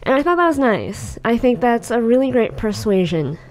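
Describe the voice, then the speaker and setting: A woman's voice: fairly high pitch, sing-song, normal speed, a little mellow. A woman in her late twenties co-hosting a podcast, talking casually with lots of fillers and restarts. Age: 20s. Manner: rambling, filler-heavy. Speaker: podcast co-host. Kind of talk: casual chat.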